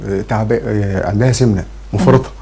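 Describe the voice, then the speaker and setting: Fast-talking husky Egyptian man in his fifties. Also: lowish voice, mellow. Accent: Egyptian Arabic. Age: 50s. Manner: earnest, grateful, rapid. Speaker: guest. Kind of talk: casual TV interview.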